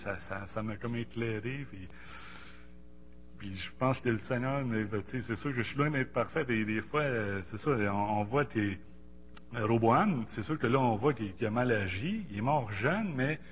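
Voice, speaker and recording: A man in his forties with a Québécois French accent, speaking casually about faith and personal experience in a halting, colloquial way with many repeated words. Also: mid-range voice. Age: 40s. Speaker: Bible study participant. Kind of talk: casual religious discussion with personal testimony. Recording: muffled lo-fi audio, faint hum.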